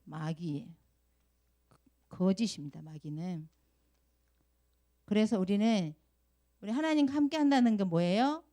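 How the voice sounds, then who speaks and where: Woman preaching lively to children. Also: mid-range voice. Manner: lively and questioning, often asks the children questions; acts out crying sounds for the children. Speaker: Sunday school teacher preaching to children. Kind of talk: children's sermon.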